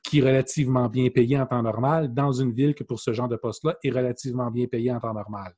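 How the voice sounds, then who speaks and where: Husky Québécois podcast co-host, opinionated. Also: male voice, mid-range voice, fast. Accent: Québécois French. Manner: animated, opinionated commentary, direct address to listeners. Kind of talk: casual podcast chat. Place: room with brick wall indoors. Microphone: over-ear headphones with webcam, video call.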